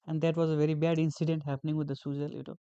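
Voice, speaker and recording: A man's voice: fairly high pitch, little pitch movement, racing, mellow, smooth, no echo. Young man, interview guest, earnest, repetitive phrasing, dry close sound, muffled recording. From Nepal. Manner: earnest, repeats phrases, many fillers. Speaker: guest, graduate teaching assistant. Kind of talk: casual interview conversation.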